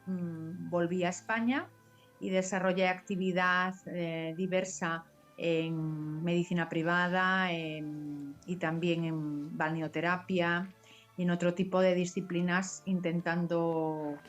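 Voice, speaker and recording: Lower-voiced woman doctor from Galicia. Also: steady tone, faint music behind. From Galicia, Spain. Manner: deliberate, emphatic repetitions. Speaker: family doctor guest. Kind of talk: interview answers. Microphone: video call.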